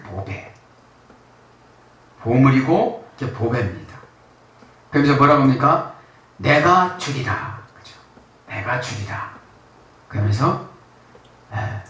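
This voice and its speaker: A man's voice: mid-range voice, a bit bright. A male pastor preaching a sermon, constantly checking in with the congregation through short questions and rhetorical prompts. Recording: very echoey room, mic far off.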